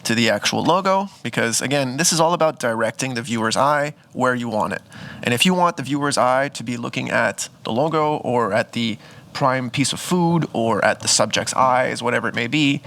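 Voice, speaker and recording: A man talks through his photo edits in a relaxed, chatty tutorial. He thinks aloud and corrects himself along the way. His voice is bright and forward, and his pitch sits in the middle. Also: normal speed, creaky. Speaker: photographer teaching photo editing. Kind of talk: casual screen-recorded editing tutorial.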